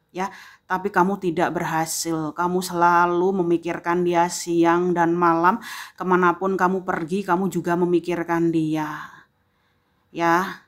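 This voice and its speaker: A woman with a somewhat low voice gives a tarot reading, speaking directly to the listener. She moves at an unhurried pace and leans on repetition, returning to the same phrases for emphasis. Nearly every phrase ends with a gentle "ya". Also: fairly even intonation. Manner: addresses the viewer directly, filling pauses with a frequent "ya". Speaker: tarot reader.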